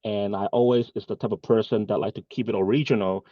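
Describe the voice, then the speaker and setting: A man's voice: fairly low pitch, fairly even intonation, quick pace, dry recording, narrow, tinny audio. A man, giving earnest, rambling answers as an interview guest over a video call. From Hong Kong. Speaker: guest, bank executive. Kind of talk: casual interview talk.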